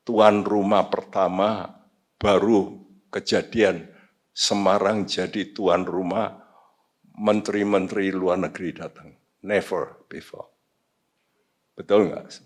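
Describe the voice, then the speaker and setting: A male pastor preaching a sermon, swinging from quiet low asides to sudden loud high outbursts, slipping in English phrases. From Indonesia. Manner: slow, deliberate, mixes in English phrases. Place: church sanctuary.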